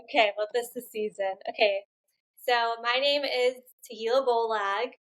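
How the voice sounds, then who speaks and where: A woman from Poland, raised elsewhere, talking casually as a podcast guest in a relaxed, joking, conversational way. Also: on the high side, normal speed, poor audio. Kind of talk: casual interview chat.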